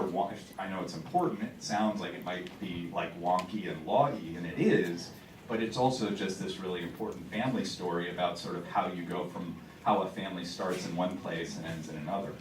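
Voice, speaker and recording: A low-pitched male theater director loosely addresses the audience ahead of the performance, restarting often and filling pauses. Heard from a distance through a handheld mic, the sound is echoey and noisy in the auditorium.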